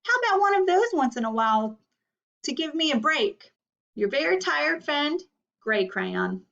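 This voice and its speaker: An exhausted gray crayon from a picture book pleads in exasperation , read by a woman. The voice swoops high with heavy emphasis. The recording is dull and a bit far off. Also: very animated, a little slow, gravelly, fairly bright tone, heavily acted. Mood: exasperated. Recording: dull, distant microphone.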